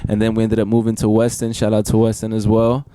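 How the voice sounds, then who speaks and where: A man's voice: lowish voice, monotone, quick pace, warm tone, a little hiss or hum. A young man from Colombia, a podcast guest, telling his story in a laid-back way with many fillers. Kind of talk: casual podcast chat.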